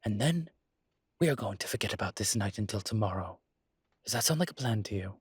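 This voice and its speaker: A man performs as a smooth, age-old demon professor in an intimate audio drama roleplay, using a husky, breathy, low voice with dry, teasing urbanity. He sounds animated and a little fast in a bantering mood, with no room sound.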